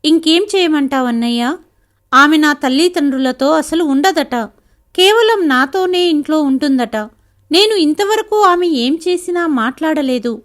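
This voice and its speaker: A woman's voice: sits high, lively intonation, moderate pace. A woman reading as a stubborn young husband. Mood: stern.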